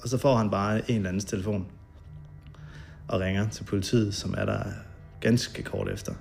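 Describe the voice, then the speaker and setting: A man's voice: on the low side, fairly even intonation, creaky, darkish tone, soft background music. A man recounting a past night in a documentary interview, hesitant and full of fillers.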